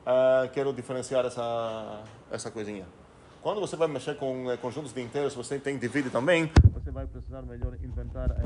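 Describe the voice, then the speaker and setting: A man lecturing on math at a mid-range pitch. He thinks aloud as he writes, pausing on fillers, correcting himself, and tossing rhetorical questions to his students. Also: slight background noise. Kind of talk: recorded whiteboard lecture.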